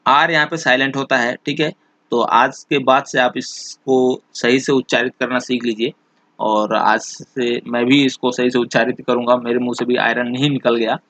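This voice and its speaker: A male teacher explaining English exam questions in Hindi, reading the example sentences out slowly and often checking back with "theek hai". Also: medium pitch, level tone, fairly bright tone, dry recording.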